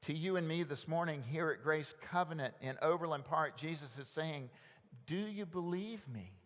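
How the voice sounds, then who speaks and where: A man preaching a sermon as pastor, asking rhetorical questions and leading the congregation in call-and-response, often dropping soft and low. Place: large church sanctuary. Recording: long church reverb.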